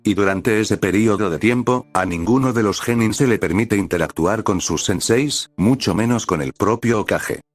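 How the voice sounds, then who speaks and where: A man's voice: lowish voice, moderate pace, hardly any pauses, dry recording, faint music behind, close to an everyday voice. A man voicing a flustered, rule-bound adult male ninja teacher in a storybook reading, earnest and explanatory.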